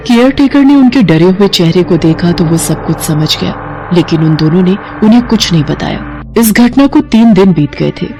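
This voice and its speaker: A woman narrating a scripted cartoon horror story with steady, dramatic storytelling. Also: on the low side, normal speed, over music.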